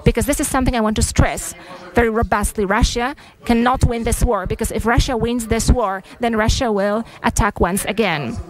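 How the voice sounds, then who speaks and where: A woman interpreting a press statement live into English, halting with frequent pauses and fillers. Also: on the high side, darkish tone, rough recording.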